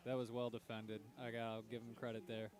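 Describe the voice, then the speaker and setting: A man giving color commentary on a local high school football game, breaking down plays and hedging his calls. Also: completely flat delivery, fairly quick, darkish tone. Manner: thoughtful, analytical, hedges his calls.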